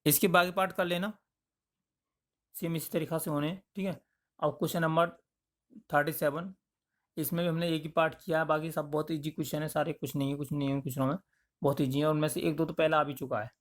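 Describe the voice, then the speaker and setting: A man's voice: fairly high pitch, flat delivery, brisk. A man teaching maths, explaining each step aloud and often checking in with "okay" as he works through the problems. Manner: explains in plain spoken steps, with frequent checks like "okay".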